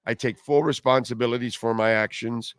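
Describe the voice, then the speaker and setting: A man's voice: medium pitch, steady tone, fairly quick, a crowd in the background. A man hosting a radio show, giving informal, wry sports-talk commentary in a conversational way.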